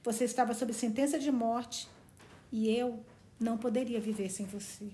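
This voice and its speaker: A woman's voice: on the high side, steady tone, normal speed, mellow. A woman reading a novel aloud, breaking off with gushing, exclamatory asides. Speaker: book reader.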